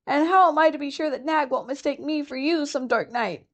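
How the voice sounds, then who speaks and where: A woman's voice: high-pitched, brisk, voice pushed up. Field: storybook reading. Figure: a woman doing a weepy little muskrat. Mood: whimpering. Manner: whimpering, fearful, sorrowful.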